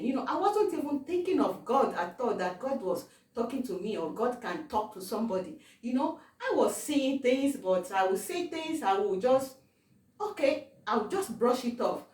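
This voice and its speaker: A woman from Africa telling a personal testimony, halting, with many fillers and repeated words. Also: a little high, lively intonation, darkish tone. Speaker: testimony vlogger. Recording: roomy, distant from the mic.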